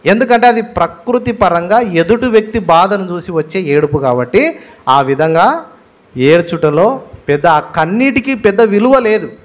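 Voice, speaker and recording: A man's voice: high-pitched, animated, moderate pace. A male pastor with a Telugu accent preaching a sermon, stressing his points with repeated phrases and rhetorical questions. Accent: Telugu, Andhra Pradesh.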